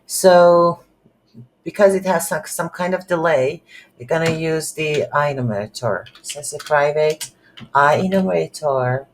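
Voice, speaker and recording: A medium-pitched voice belongs to a game development tutorial instructor giving unscripted coding narration. He speaks slowly and haltingly, thinking aloud while typing, and the room is noisy with keyboard sounds.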